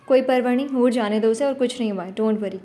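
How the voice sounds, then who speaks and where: A woman's voice: fairly high pitch, warm tone, close to an everyday voice. A woman voicing a serious, protective young husband in an audiobook romance, curt in tone. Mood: stern.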